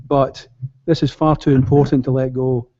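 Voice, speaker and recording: Earnest man with a very dark voice. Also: mid-range voice, level tone, moderate pace. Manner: earnest, emphatic, repeats phrases. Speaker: board candidate and campaigner addressing fans. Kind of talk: unscripted speech at a public meeting. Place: public fans' meeting. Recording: dull, lo-fi meeting recording.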